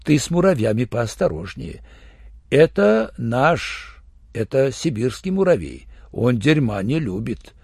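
A man's voice: mid-range voice, big pitch swings, measured pace, vocal fry, breathy edge, dry recording, clean studio sound, heavily acted. A man voicing a vengeful, contemptuous man who interrogates a captive with harsh insults. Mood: cold. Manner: scornful, harsh, shouting insults. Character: vengeful hard male avenger, cold and contemptuous.

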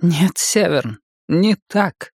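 A man's voice: high-pitched, animated, very slow, breathy edge, dry recording, studio quality, pitched above the performer's own voice, heavily acted. A man reading an audiobook, voicing an older woman who leads a senate, cold and commanding. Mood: stern. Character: stern older woman, a powerful senate leader.

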